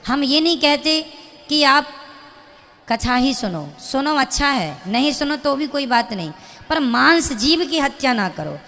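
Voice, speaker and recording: A woman's voice: high voice, sing-song, unhurried, bright, forceful tone. A woman preacher lecturing a listener with pointed rhetorical questions, speaking plainly and morally. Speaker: spiritual preacher. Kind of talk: preaching to an audience member. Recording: long hall reverb.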